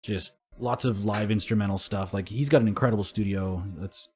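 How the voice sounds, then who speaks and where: A man's voice: on the low side, a little fast, darkish tone, husky. A young man co-hosting a podcast, chatting casually, swearing freely and laughing easily. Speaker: podcast co-host. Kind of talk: casual chat.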